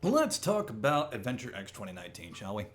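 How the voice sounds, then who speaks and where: Dry-humoured male roundtable host, animated delivery, light background noise. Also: fairly low pitch, brisk. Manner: lively, wry, moves the show along. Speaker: podcast host. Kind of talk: casual chat.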